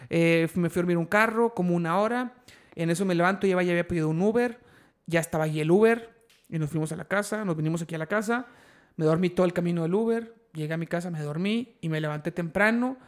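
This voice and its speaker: A young Mexican man hosting a podcast, telling an animated, slangy story and laughing at himself. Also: high voice, quick pace. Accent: Mexican Spanish. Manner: animated, slangy, laughs at his own stories. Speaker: podcast host. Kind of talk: casual storytelling chat.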